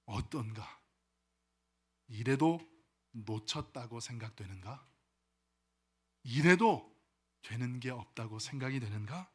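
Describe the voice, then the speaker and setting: A calm wise old man speaks softly and slowly, as a preacher puts him on. His words are low and gentle, quieter than the storyteller around him. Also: slightly rough, full character voice.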